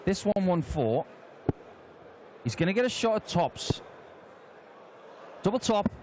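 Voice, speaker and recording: A man's voice: sits high, big pitch swings, slow, background noise. A man commentating on darts, chatty and analytical with the odd joke. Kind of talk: sports commentary. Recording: commentary booth with crowd behind.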